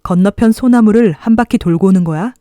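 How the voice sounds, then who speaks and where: Lady doing a kind curious little boy from a storybook, playful like reading to a toddler, soft dark tone, dry sound. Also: medium pitch, brisk, no room sound, natural voice. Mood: playful, directing. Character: kind, curious orphan boy who talks with animals. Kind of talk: children's storybook character voice.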